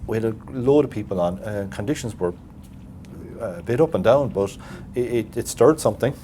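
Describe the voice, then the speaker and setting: A man from Galway with a West of Ireland accent, chatting casually in an interview and haltingly thinking aloud. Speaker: president of a voluntary radio society. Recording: steady background noise with low rumble.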